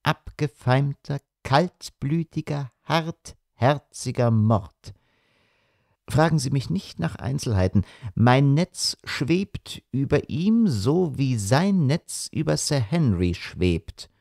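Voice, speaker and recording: A man's voice: medium pitch, big pitch swings, takes it slowly, vocal fry, no echo, studio quality, voice pushed up, full character voice. A man voicing an intense, commanding male detective in an audiobook, with a grave, urgent delivery. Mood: grave hushed. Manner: grave, urgent, hushed to shouting. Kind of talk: audiobook character reading.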